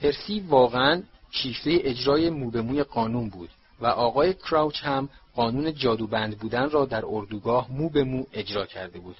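A man narrating an audiobook in a steady storytelling manner. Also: mid-range voice, hardly any pauses, breathy edge, highs cut off. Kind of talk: scripted narration.

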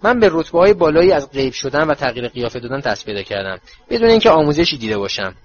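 A man's voice: on the high side, very animated, highs cut off. A man voicing a cheerful, clumsy young witch who is bubbly and boastful. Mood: chatty.

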